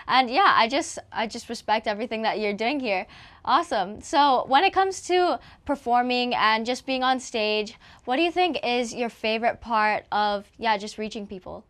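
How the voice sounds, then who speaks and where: A woman's voice: a little high, lively intonation, normal speed, a bit bright. A woman hosting an interview, enthusiastic and encouraging in her questions. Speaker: interview host. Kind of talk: casual interview chat.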